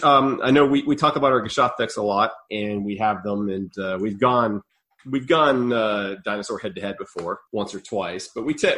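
A man's voice: on the low side, a bit bright. A man hosting a casual podcast chat, rambling and laughing often, swearing casually. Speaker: podcast host.

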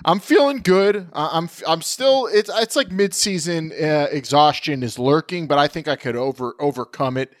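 A man co-hosting a casual sports podcast, energetic and chatty, running through questions and sponsor reads. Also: on the high side, normal speed, few pauses, dry recording, studio quality. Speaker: podcast co-host. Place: at home, remote recording.

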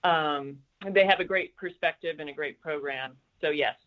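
A woman's voice: low-pitched, moderate pace. A woman, a racehorse owner and breeder, giving brief, modest answers as an interview guest on speakerphone. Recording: muffled phone line.

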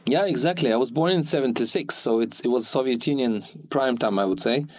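A man in his forties, raised in Ukraine and now living in Sweden, speaking as an interview guest. He talks in a halting way, full of restarts and fillers. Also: medium pitch, a bit bright. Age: 40s. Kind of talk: hesitant conversational interview.

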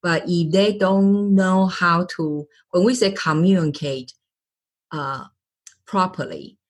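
A woman's voice: fairly low pitch, slow. A middle-aged woman hosting a podcast interview, often searching for words and restarting her sentences. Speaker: podcast host.

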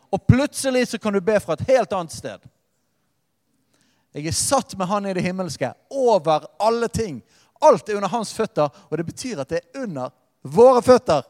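A man preaching with passion, his voice swelling into loud emphatic peaks and dropping to quiet asides. His voice sits a little high for a man. A long reverb trails behind it in a large church hall. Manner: impassioned preaching, rising and falling with emphatic repetition. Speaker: pastor. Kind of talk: sermon.

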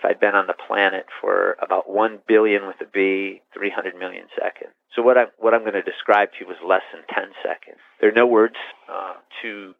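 A middle-aged man, a priest, telling his story in an interview, rambling and animated, restarting sentences and laughing. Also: lowish voice, vocal fry, no echo. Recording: tinny phone-line sound.

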